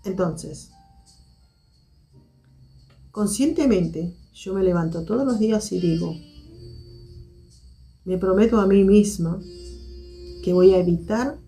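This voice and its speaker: A woman with a mellow, mid-range voice hosts a live stream, addressing her viewers in a measured, reflective way. She repeats her key points, with soft music playing in the background.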